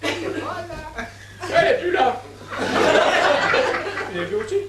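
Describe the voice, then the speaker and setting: On a theatre stage, a man plays a rambling, half-deaf old husband in a comedy, using a very high-pitched, fully animated character voice with drawn-out words. Puzzled, the character mishears and misunderstands everything. He's heard from far off on the echoey stage, with background noise.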